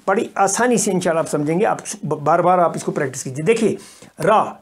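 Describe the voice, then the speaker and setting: A man from Kashmir teaches a recorded language lesson at an unhurried, steady pace. He explains the same rule several times over. He draws out the example syllables so learners can follow. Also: sits high, breathy edge. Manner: patient, repetitive explaining, drawing out example syllables. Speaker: Arabic teacher.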